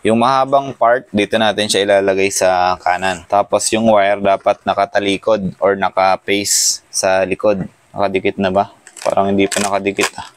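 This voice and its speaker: A Filipino motorcycle gear vlogger gives a casual, hands-on installation walkthrough, thinking aloud while he works with his hands. His voice is on the low side with little pitch movement, he talks at normal speed, and the recording is dry.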